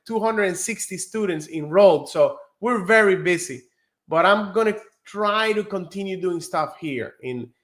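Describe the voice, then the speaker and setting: A Cuban man with a fairly bright, high-sitting voice teaches a live online nursing exam lesson. He is earnest and encouraging, slowing down to stress the key words.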